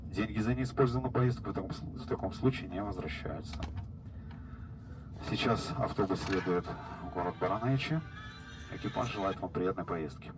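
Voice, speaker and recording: A man from the bus crew making a formal passenger announcement over the bus PA loudspeaker, reciting the rules in a measured, official way. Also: low voice, over music. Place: inside a moving bus. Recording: noisy bus cabin over the PA.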